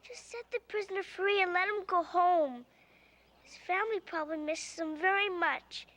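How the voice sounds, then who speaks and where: High-pitched, outspoken young girl. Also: normal speed, a bit bright. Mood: indignant, frank. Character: outspoken, sensible young girl on a courtroom visit. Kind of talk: theatrical fantasy drama acting.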